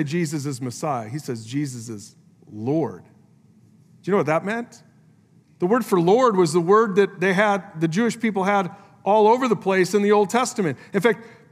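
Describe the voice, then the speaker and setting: A man preaching a sermon as pastor, earnest, climbing high for emphasis and dropping low and soft. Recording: live church sermon with long hall reverb and faint music.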